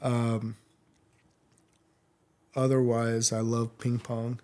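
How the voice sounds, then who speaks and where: A man's voice: mid-range voice, flat delivery, extremely slow, darkish tone. A man speaking as a sommelier guest in a casual podcast interview, with a blunt way of talking.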